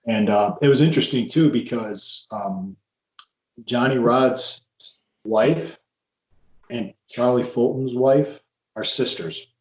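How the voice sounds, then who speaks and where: In a casual podcast interview, a male host talks with a former wrestler who rambles through old stories and keeps restarting. The host's mid-range voice is slow and a little mellow, with frequent pauses, and the recording has a roomy echo.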